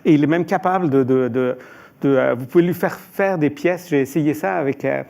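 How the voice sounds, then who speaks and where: A man's voice: on the high side, moderate pace, creaky, a little mellow. A man from Iran answering as an expert panelist, hesitant, with frequent filler sounds and restarts.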